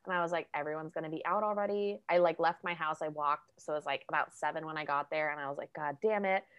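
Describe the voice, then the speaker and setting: A young woman co-hosting a podcast, telling a story in a casual, animated way and swearing freely. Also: deep voice, fast, clean tone, muffled recording. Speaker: podcast co-host. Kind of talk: casual chat.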